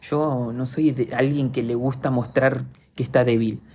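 A man's voice: mid-range voice, steady tone, unhurried, darkish tone, a little hiss or hum. A man with an Argentine accent hosting a podcast, speaking in an earnest, confessional reflective monologue straight to his listeners. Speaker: podcast host.

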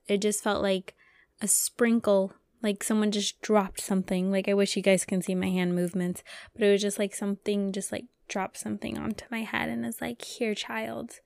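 A woman's voice: mid-range voice, gravelly, smooth, no room sound, clean studio sound. A woman hosting a solo podcast in a casual, chatty way, often saying "like" and acting out imagined thoughts. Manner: chatty, frequent "like", voices imagined thoughts in quotes. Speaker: podcast host.

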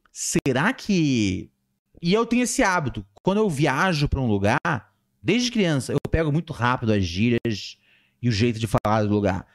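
A Brazilian man hosting a casual livestream podcast, answering his live chat with a playful, lively delivery. His pitch swings widely, and it jumps up whenever he reads out a viewer's name. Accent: Brazilian Portuguese. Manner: animated, playful, jumps in pitch when reading names.

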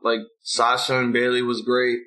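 A man's voice: medium pitch, completely flat delivery, moderate pace, pushed and bright, poor audio. A man hosting a recap show in a casual, opinionated rant, blunt and full of swearing. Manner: blunt, profane. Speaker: host of a wrestling recap show.

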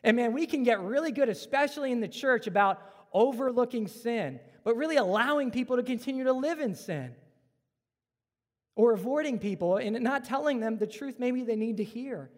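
High-voiced man preaching in a hall. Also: animated, normal speed. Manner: conversational, acts out everyday dialogue. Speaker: pastor. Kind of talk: sermon.

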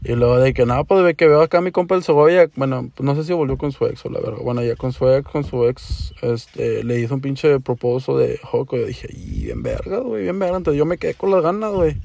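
A man's voice: medium pitch, a little fast, vocal fry, few pauses, warm tone. A young man with a northern Mexican border accent tells stories casually on his podcast in profane slang with Chicano-style English mixed in, acting out the dialogue. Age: young adult. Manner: acts out dialogue. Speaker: podcast host.

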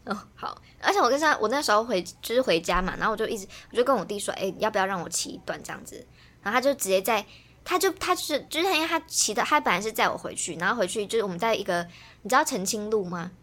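A woman's voice: mid-range voice, expressive, fairly bright tone. A young woman, co-hosting a casual chat and telling a story in a chatty, self-mocking way. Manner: fast, chatty, self-mocking, laughs often. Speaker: podcast co-host.

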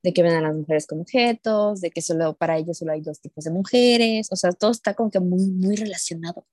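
A woman's voice: lowish voice, quick pace, a little mellow, no echo, clean studio sound. A young woman in casual chat, indignant and swearing freely. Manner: indignant, swearing, retells others with quoted voices.

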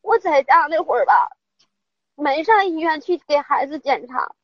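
A woman's voice: sits high, animated, moderate pace, a bit bright, dry recording, lo-fi sound. A middle-aged woman, calling in to an advice show and telling her story in a rambling, upset way. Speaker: caller. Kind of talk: phone-in advice call.

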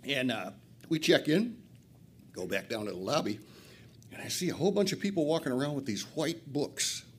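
A man's voice: on the high side, very animated, moderate pace, a little hiss or hum. An older man from Flint, Michigan, telling a profane, self-mocking recovery story at a retreat and laughing often. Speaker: recovery speaker.

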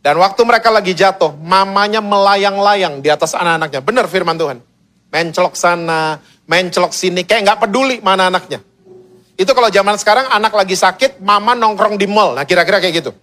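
High-voiced joking male pastor. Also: a little fast, pushed and bright. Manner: humorous storytelling with casual slang. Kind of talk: sermon.

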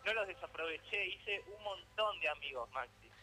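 A man's voice: high voice, expressive, normal speed, a loud crowd, rough recording. A teenage man with an Argentine Spanish accent, a radio columnist chatting in a playful, teasing, theatrical way. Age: teens. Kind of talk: casual radio chat.

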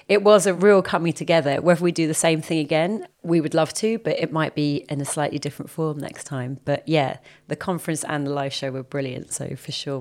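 A woman co-hosting a podcast with a croaky voice, chatting loosely and enthusiastically. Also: deep voice. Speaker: podcast co-host. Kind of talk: casual chat.

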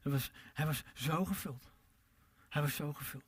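A man preaching a sermon, swinging between loud emphatic calls and quiet low asides, and drawing out his words when he quotes scripture. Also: slightly rough. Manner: drawn-out pleading delivery when quoting scripture.

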